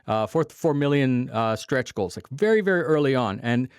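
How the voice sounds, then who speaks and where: A man's voice: mid-range voice, expressive, normal speed, clean tone, dry recording, clean studio sound. A man guesting on a casual podcast, talking bluntly, laughing and swearing now and then. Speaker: guest content creator. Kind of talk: casual chat.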